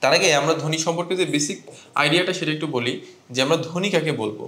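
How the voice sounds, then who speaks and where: A man's voice: fairly high pitch, rapid-fire, fairly bright tone. Echoey-voiced man teaching grammar. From Bangladesh. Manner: explains step by step, asks students questions. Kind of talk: grammar lesson to students.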